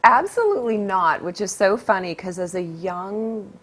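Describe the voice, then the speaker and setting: A woman from the United States chatting as an interview guest, talkative and quick to laugh. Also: mid-range voice, lively intonation, fairly bright tone. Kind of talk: casual interview.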